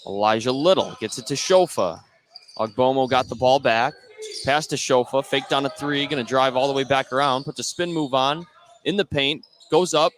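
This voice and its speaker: Live gym noise comes through clearly as a play-by-play radio announcer covers an indoor basketball game. He follows each play in short, clipped running phrases, his slightly bright, medium-pitched voice holding a moderate pace.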